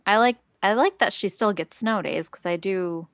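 A woman's voice: medium pitch, normal speed, no room sound, studio quality. A woman co-hosting a podcast in casual chat, laughing often and acting out her own thoughts. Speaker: podcast co-host.

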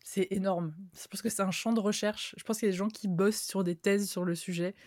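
A woman hosting a podcast in casual chat, with a tired, slightly strained voice and a Vendée accent, lively and laughing often. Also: medium pitch, fairly quick, dry recording. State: tired voice, throat worn. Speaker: podcast host.

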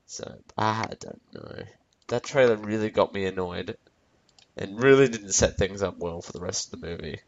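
A man's voice: fairly low pitch, normal speed, muffled recording. A man hosting a casual film review, rambling and correcting himself as he talks to his audience. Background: faint background music.

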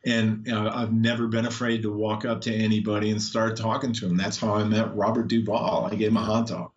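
A man's voice: lowish voice, flat delivery, a little fast, lo-fi sound. A middle-aged man with a Texan accent, telling stories in a blunt, sarcastic, laid-back way as a guest in a casual chat. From Texas.

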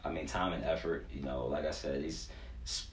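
His bass voice holds steady at a normal pace as this twentysomething youth sports performance coach answers interview questions earnestly and casually, using slang and lots of "you know." The recording has room echo and faint background noise.

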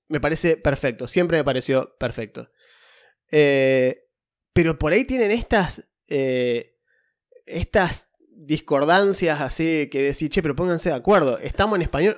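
An Argentine man in casual podcast chat, talking in a fairly high voice. He hammers his points home, repeating words over and over for emphasis. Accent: Argentine Spanish. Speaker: podcast co-host.

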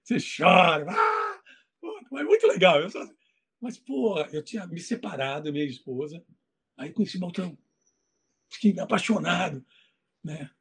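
Animated husky-voiced man telling stories. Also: high voice, normal speed, pauses often. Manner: animated storytelling, acts out voices. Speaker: children's book author. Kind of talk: interview talk.

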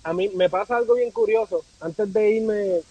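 A travel content creator from Puerto Rico, speaking with a Puerto Rican accent, talks casually and reflectively as a guest in a conversational podcast interview, repeating phrases for emphasis. His voice sits high and warm at a moderate pace, in a rough recording.

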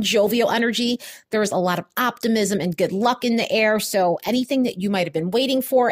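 A woman hosts a casual astrology forecast as a solo monologue. She talks in a chatty, upbeat, informal way at a middling pitch. It is a dictaphone-style recording, made on a phone voice recorder. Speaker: astrology video host. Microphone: phone voice recorder app.

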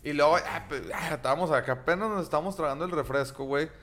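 Young mexican dude, kinda high voice, telling a funny story to his buddies, lots of slang. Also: racing, fairly bright tone. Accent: Mexican Spanish. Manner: storytelling, slangy, laughs often. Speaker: podcast co-host. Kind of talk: casual chat.

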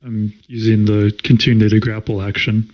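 A man's voice: lowish voice, flat delivery, normal speed. Wry male player on dull audio. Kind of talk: casual tabletop game play.

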